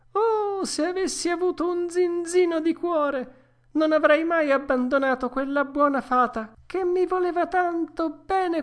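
A woman's voice: sits high, pitched above the performer's own voice. A woman voicing a young wooden puppet boy who whines and pleads, frightened and impulsive. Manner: whiny, pleading, loud.

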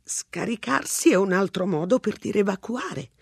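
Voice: mid-range voice, expressive, moderate pace, vocal fry, darkish tone, husky, no echo, studio quality, voice pushed up. An audiobook reader voicing a prim, pedantic young police constable who explains things in a lecturing tone.

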